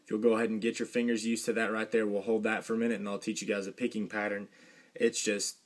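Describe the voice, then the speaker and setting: Young male guitar teacher, lowish voice, relaxed and rambling, acoustic guitar under his words. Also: fast talker. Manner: relaxed, rambling, with fillers and a dry joke. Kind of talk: casual guitar lesson. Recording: guitar playing behind the voice.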